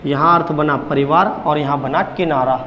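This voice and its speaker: A man's voice: a little high, fairly even intonation, moderate pace, pushed and bright, big-room sound, a little hiss or hum. A man teaching Hindi grammar at a board, repeating key points and quizzing the class with questions. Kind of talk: blackboard lesson.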